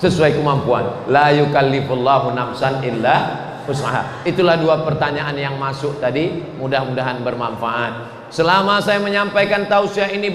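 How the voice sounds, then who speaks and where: High-voiced male preacher in an echoey hall. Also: a bit bright. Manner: jokey storytelling, acting out little dialogues in shifting voices. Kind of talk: humorous sermon. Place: mosque. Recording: echoey hall with faint ambience.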